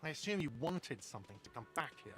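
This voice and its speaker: A man's voice: fairly high pitch, very animated, quick pace, sharp tone. A man voicing a grumpy, sarcastic male cafeteria manager in a video game, nagging about money owed.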